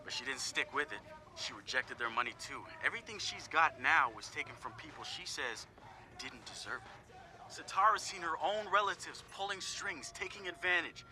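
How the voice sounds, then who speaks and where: A fairly high-pitched, animated male voice with a bright, forceful tone moves at a moderate pace. The actor portrays a laid-back young hacker casually and candidly judging his teammates in a game audio log, with wry, profane asides. The recording is low quality, with clear music behind the voice.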